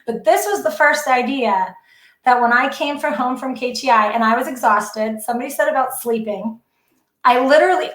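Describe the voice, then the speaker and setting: A woman's voice: high-pitched, reverberant, rough recording. A woman educator telling an earnest, emotional story of her project on a podcast. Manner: earnest, excitable, tearful at times. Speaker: guest educator.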